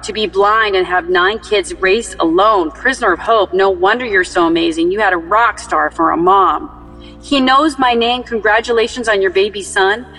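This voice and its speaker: A woman's voice: mid-range voice, a bit bright. Earnest woman praying over reverberant music. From Texas. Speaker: prayer line caller. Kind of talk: informal spoken prayer and encouragement.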